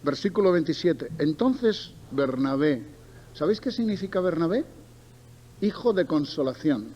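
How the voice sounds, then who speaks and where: Speaking a little high and with animation, a middle-aged man from Barcelona preaches at a normal speed in a slightly mellow voice with a Spain accent. His sermon weaves Bible reading and stories, with emphatic repetition and conversational asides to listeners. The recording has its highs cut off and noticeable background noise.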